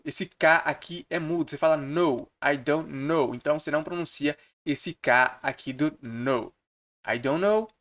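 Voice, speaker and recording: A man from Brazil teaching English phrases in a screen-recorded lesson, repeating each example slowly and deliberately. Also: fairly high pitch, a bit bright.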